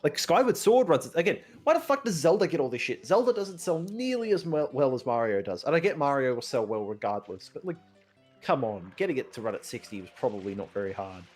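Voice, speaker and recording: A man talks loosely with a friend over a game session, cursing often and running through strong opinions about controllers and frame rates. His pitch sits in an ordinary middle range for a man. Faint music plays underneath. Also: a little fast. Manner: casual, profane, animated opinions on game tech. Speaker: co-host of a gaming playthrough. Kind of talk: casual chat while playing a video game.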